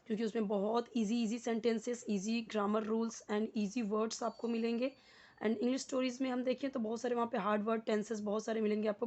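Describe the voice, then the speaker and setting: A woman's voice: on the high side, darkish tone. A woman from India with an Indian English accent, teaching an English lesson in a mix of Hindi and English, explaining patiently and often checking that students follow. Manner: explains slowly, often asks "ठीक है?" to check understanding; mixes Hindi and English in one sentence.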